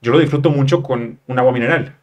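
A man's voice: medium pitch, fast. A man from Mexico with a Mexican Spanish accent, hosting a casual talk show, chatty and slangy as he reads viewer questions. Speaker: host. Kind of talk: casual interview chat.

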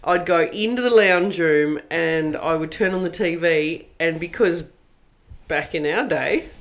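A woman's voice: on the low side, a little slow. An Australian woman co-hosting a podcast in casual chat. She is chatty, laughs often and swears casually. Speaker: podcast co-host.

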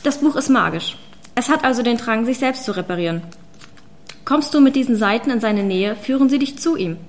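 A woman's voice: a little high, lively intonation, a little fast, natural voice. A woman reading an audiobook, voicing a fierce, power-hungry female witch who hisses and commands. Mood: calm. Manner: hissing, commanding, then shouting.

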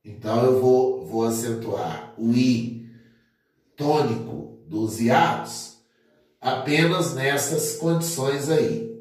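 Male teacher, slow and methodical, distant mic in an echoey room. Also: medium pitch, darkish tone. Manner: methodical, repeats points, many fillers. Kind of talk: grammar lesson at a board.

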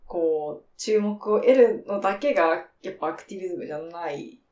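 A woman co-hosting a casual podcast, reflective and lively. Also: on the low side, fairly quick. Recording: echoey room.

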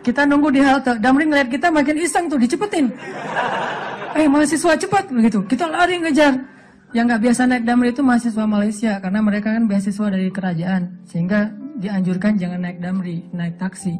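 Man, preacher, from Aceh, humorous religious talk, lively storyteller, acts out quotes. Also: very high voice, a little fast. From Aceh, Sumatra. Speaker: Islamic preacher.

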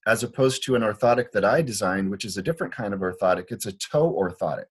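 This is a fast-talking Liberian foot doctor with a fairly low, slightly rough voice and lively intonation. Interviewed conversationally at a Portland, Oregon clinic, he lays out his views earnestly, restarting often.

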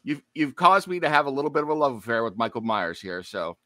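Male podcast co-host, jokey and tangent-prone, bright tone, dry close sound. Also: mid-range voice, very animated, quick pace, dry recording. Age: adult, studied in college. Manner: chatty and jokey, drifts into tangents. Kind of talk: casual chat.

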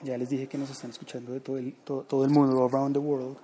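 A man's voice: medium pitch, level tone, fast talker, mellow, slight background noise. A man with a Bogotá Colombian accent, chatting on a live podcast from an office and reading listener comments aloud. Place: company office.

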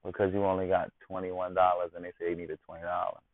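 Deep gravelly man, tinny and dry. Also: completely flat delivery, fast talker, dry recording. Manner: slangy, constantly asks "you know what I'm saying". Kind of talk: casual monologue. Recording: tinny phone-like dry sound.

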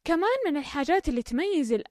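A woman with a slightly high voice runs a casual spoken lesson at a quick clip. She explains step by step in a chatty way. The close-mic recording is dry, with no room sound. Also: expressive, a little mellow, no room sound. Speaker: language-learning podcast host. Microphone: close mic, recorded voice message.

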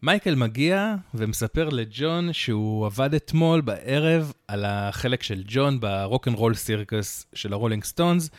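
A man's voice: mid-range voice, expressive, few pauses, dry recording, clean studio sound. A man co-hosting a podcast, telling the story in a casual, chatty way with many fillers and little asides. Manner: chatty, recounts events with many fillers and quips. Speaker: podcast co-host.

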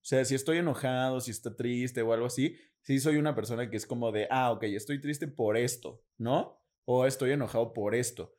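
A man's voice: medium pitch, brisk, hardly any pauses, darkish tone. A man with a Mexican accent, co-hosting a casual chat, joking, slangy and laughing often. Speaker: podcast co-host.

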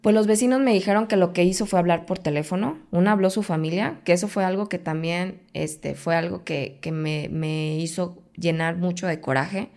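Podcast guest, woman, Mexican accent, slightly low voice, intense storyteller who acts out her own pleas. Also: normal speed, few pauses, a little mellow. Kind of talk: personal story told in conversation.

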